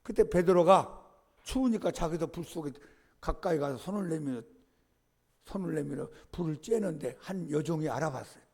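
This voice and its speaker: A man pastor giving a Sunday sermon, lively and emphatic, acting out the story and addressing the congregation directly. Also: a little high, normal speed, creaky, husky. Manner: animated preaching, acts out scenes, blesses the congregation.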